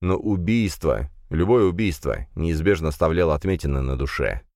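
A man narrating a fantasy audiobook in a measured, dramatic manner. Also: a bass voice, expressive, a little mellow, no echo, studio quality.

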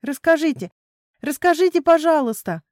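A woman voicing an excitable little girl piglet who squeals and chatters eagerly in a children's storybook. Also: fairly high pitch, a little slow, no echo, studio quality. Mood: pleading.

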